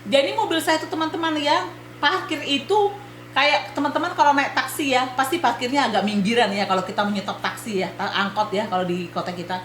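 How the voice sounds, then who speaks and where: A woman from Indonesia tells her story in an animated, casual vlog, with a high voice and frequent asides to her viewers. The room is echoey, with a faint hum underneath. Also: brisk. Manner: animated, retells events while addressing viewers as friends. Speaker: vlogger.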